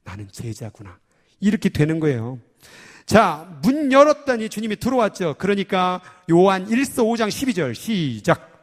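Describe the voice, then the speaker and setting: Man, pastor, lively sermon, acted-out prayers, slightly high voice, long hall reverb. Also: normal speed. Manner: animated, acting out quoted prayers and voices.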